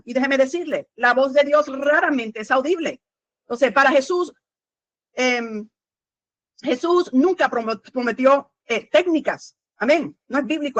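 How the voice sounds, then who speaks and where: A woman's voice: high-pitched, a bit bright, no room sound, dull audio. A woman preaching a sermon in an earnest teaching tone, asking her listeners questions and often saying "amen". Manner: frequent "amén" and rhetorical questions to the congregation; earnest teaching tone with small restarts.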